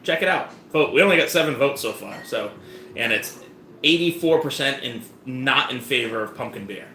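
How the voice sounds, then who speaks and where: A joking man co-hosting a live beer review, cutting in with quick quips. His voice is bright and forceful at a middling pitch. The echoey room adds a faint hiss. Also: lively intonation. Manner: joking, interjecting short quips. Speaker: beer review show co-host.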